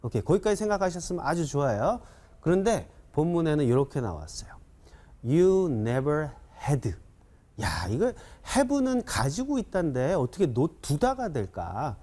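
Male english instructor, animated, slightly high voice, coaxing, question-and-answer drilling. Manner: animated, coaxing, keeps asking students questions; repeats drills slowly, counts learners in. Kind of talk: classroom-style video lecture.

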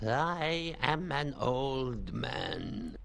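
An actor playing a very old, dying count in a video game, weary and haughty, with a theatrical aristocratic manner. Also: male voice, mid-range voice, sing-song, gravelly, background noise, full character voice. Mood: rambling, reminiscing. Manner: slow, aristocratic, theatrical old-man delivery. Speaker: game character, an aged count. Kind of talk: dramatic video game voice acting.

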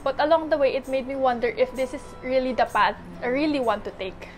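A woman in her twenties calmly answering interview questions about college. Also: sits high, brisk, soft background music. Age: 20s. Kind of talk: recorded self-introduction.

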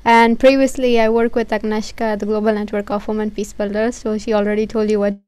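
A woman's voice: mid-range voice, flat delivery, a little fast, darkish tone, smooth. A young woman from Afghanistan, founder of a youth peace group, introducing herself earnestly on a panel over a video call.

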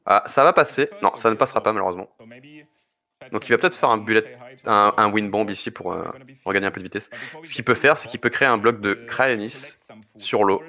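A man commentating a speedrun live, explaining techniques step by step with halting restarts and light joking asides. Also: lowish voice, sharp tone.

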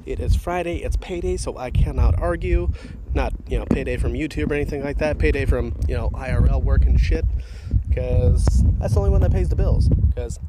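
A man's voice: medium pitch, a little fast, heavy background noise. A young man chatting casually to his phone camera in a vlog, rambling and swearing a lot. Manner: rambling, swears often, repeats "definitely". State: out of breath on stairs. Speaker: vlogger. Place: office building and stairwell, indoors.

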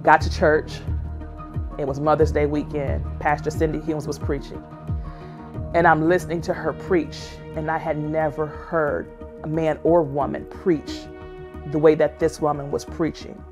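A woman's voice: low-pitched, flat delivery, a little slow, over music. A woman narrating her own life story as a personal testimony, earnest and emotional in a plainspoken way. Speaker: memoir narrator.

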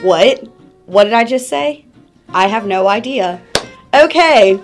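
A woman's voice: fairly high pitch, lively intonation, slow, faint music behind. A young woman reading student sports news, exasperated each time she slips on a word. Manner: exasperated at her own slips. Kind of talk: news-desk reading with bloopers.

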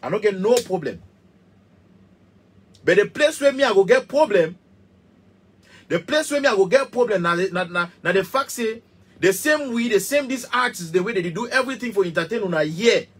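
Fired up, a Cameroonian musician rants directly at the camera inside a small indoor music studio, gesturing and repeating himself emphatically. He has a Cameroonian Pidgin English accent and a husky, high-pitched voice.

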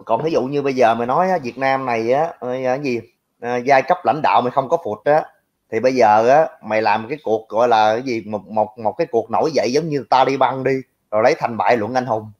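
A young livestream commentator with a Southern Vietnamese accent rants in reaction to viewer comments, brash, crude and mocking toward critics. His voice is medium-pitched and darkish, his pace quick. The audio is lo-fi and dull.

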